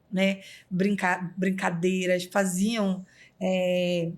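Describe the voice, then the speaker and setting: A middle-aged woman from Brazil, a podcast guest, earnestly telling a personal story with many fillers. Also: medium pitch.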